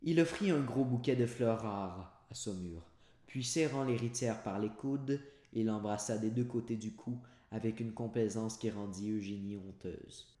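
Low-voiced man reading aloud. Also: normal speed, mellow. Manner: plain, self-correcting, casual asides. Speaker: audiobook reader and podcaster. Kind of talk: unedited audiobook reading. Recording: roomy echoey home recording.

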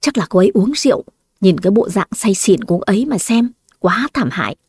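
A woman's voice: medium pitch, very animated, quick pace, darkish tone, husky, no room sound, clean studio sound, full character voice. A woman storyteller voicing a jumpy, flustered young man who panics and complains easily. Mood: gossipy.

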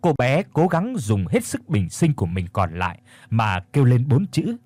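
A man narrating a ghost story in a suspenseful, expressive way. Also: medium pitch, moderate pace, dry recording.

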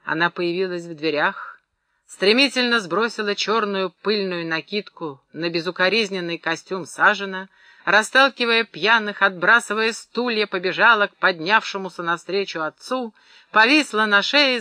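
Bright-voiced male audiobook narrator. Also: sits high, moderate pace, dry recording. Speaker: audiobook reader. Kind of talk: scripted literary narration.

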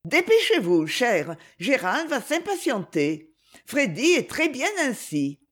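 Woman reader playing a lively, affectionate young noblewoman, raised pitch, animated. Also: slow, heavily acted. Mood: eager. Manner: eager, fond, high-spirited.

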